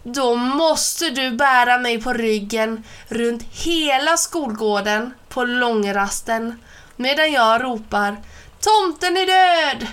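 A woman's voice: fairly high pitch, a bit bright, clean tone, lightly acted. Woman putting on a sneering schoolboy bully. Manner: taunting, sneering. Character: mocking schoolboy bully with gold tooth.

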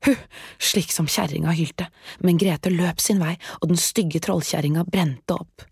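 A woman reading a fairy tale aloud in a soft, often half-whispered narration. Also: fairly low pitch, steady tone, vocal fry, slightly rough, no echo, clean studio sound. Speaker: storyteller.

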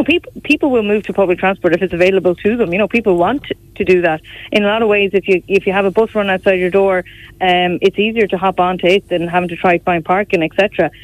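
Heard in a radio interview, a Galway woman with a low-leaning voice discusses politics in a relaxed, filler-heavy way, saying "you know" and "like" a lot. She's an opposition politician with a west of Ireland accent. There's no echo, just a flat, dry radio sound.

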